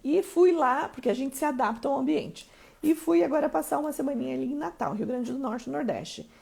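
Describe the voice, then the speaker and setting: Speaking with a Curitiba Portuguese accent, this Brazilian woman, originally from Mato Grosso do Sul, teaches on a motivational live stream, emphatic and constantly checking in with her audience. Her voice is high, animated and fairly quick, with vocal fry and a little mellowness.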